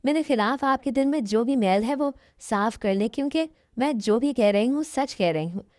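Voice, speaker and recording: A woman voicing a helpless young second wife who speaks softly and pleads. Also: fairly high pitch, expressive, moderate pace, no echo, clean studio sound, close to an everyday voice. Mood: pleading. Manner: soft, pleading.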